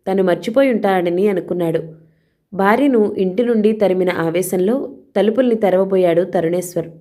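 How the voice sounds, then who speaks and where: A woman reads a crime story aloud in a steady, dramatic narrating voice. Her tone is mellow and dark, at a middle pitch for a woman. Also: normal speed.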